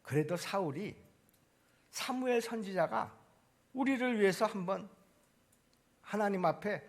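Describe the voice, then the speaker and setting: A man preaching a sermon to a church congregation, swinging between loud emphatic lines and quiet asides. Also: high voice, lively intonation, a little slow. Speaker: pastor. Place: church sanctuary.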